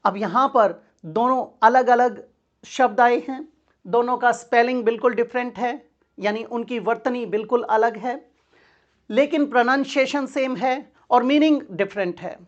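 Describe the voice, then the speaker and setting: Higher-voiced woman teaching grammar. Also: measured pace, highs cut off. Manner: explains step by step, asks the class questions and answers them herself; calls her students "beta". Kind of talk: exam-prep grammar lesson.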